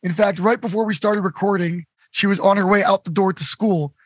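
A middle-aged man hosting a podcast interview, upbeat and quick to cheer his guest on with "amazing" and "incredible". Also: sits high, fairly even intonation, no room sound, studio quality. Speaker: podcast host. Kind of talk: casual interview.

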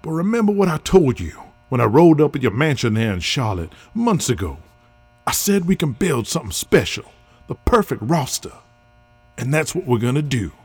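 Man doing a husky rallying wrestling legend. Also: medium pitch, very animated, moderate pace, voice pushed up. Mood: rousing. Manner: rousing, folksy, determined. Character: gruff male veteran wrestling legend, rallying.

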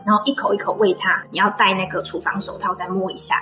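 A woman author speaks Mandarin with a Taiwanese accent, her words coming fast. She tells stories gently and reflectively in a casual interview. Music plays clearly in the background. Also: medium pitch, steady tone. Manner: gentle, reflective storytelling with frequent filler "对". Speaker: author guest.

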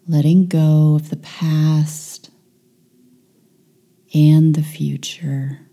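Long pauses separate the phrases as a woman with a deep voice leads a guided meditation, her instructions calm, hushed and soothing.

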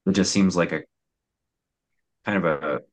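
Taking his time, a very deep-voiced young man recounts his personal story. He's reflective and hesitant, often restarting and filling gaps with fillers.

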